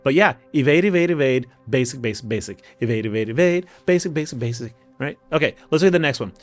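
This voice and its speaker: A man from Oklahoma, United States, hosts a gaming video, offering casual strategy commentary in his Oklahoma accent and talking to himself in a folksy way. His mid-range voice is fast and expressive, with music playing in the background.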